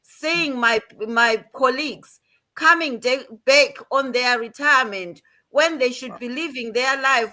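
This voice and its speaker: Older lady nurse warning people, slow deliberate talk, bright tense voice. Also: on the high side. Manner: emphatic, cautionary. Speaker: nurse, panel guest. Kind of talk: livestream panel talk.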